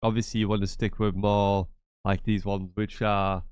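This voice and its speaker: With a fairly low pitch that barely moves, this gaming host speaks at a moderate pace in a darkish, clean tone, recorded dry. A cold has left him congested and nasal. He rambles chattily and repeats himself through a casual screen-share tutorial.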